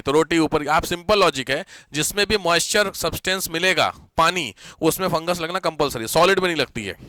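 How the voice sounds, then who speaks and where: A man's voice: on the high side, pushed and bright, smooth, no room sound. A man teaching an online class, chatty and teasing, mixing English terms into his explanations.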